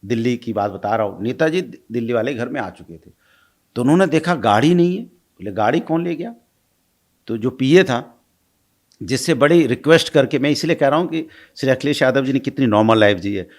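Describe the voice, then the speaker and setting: A middle-aged man tells stories as an interview guest, in a voice of middling pitch. He talks casually, laughs along the way and acts out the lines of the people in his stories. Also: fairly quick. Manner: animated, laughs while recounting, acts out quoted lines. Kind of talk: casual storytelling.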